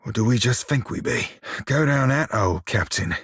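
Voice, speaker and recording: A male actor gives voice to a game's foul-mouthed pirate shiphunter, sounding wry and casual in a husky, gritty sailor's dialect. His medium-pitched, slightly bright delivery is animated and at normal speed, recorded dry with clean studio sound.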